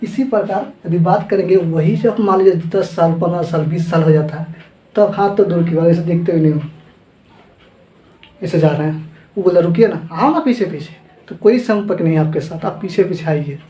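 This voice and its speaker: Male physics tutor, high mellow voice, checks in with the class a lot. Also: normal speed, roomy sound, low-quality recording. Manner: explains with homely examples and keeps asking if students understand. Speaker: teacher. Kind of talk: physics lesson.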